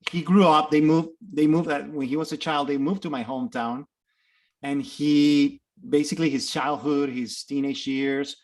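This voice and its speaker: This guest actor, a middle-aged man from Mexico and a native Spanish speaker, has a Mexican Spanish accent and a voice on the high side, moving at a moderate pace. Telling stories in a relaxed interview, he's lively, laughs a lot, and keeps starting over.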